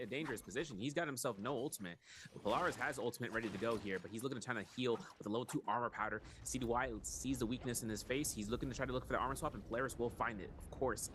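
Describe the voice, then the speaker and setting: Male caster, rapid play-by-play, rattles off moves, noisy broadcast audio. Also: medium pitch. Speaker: esports caster. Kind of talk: play-by-play commentary.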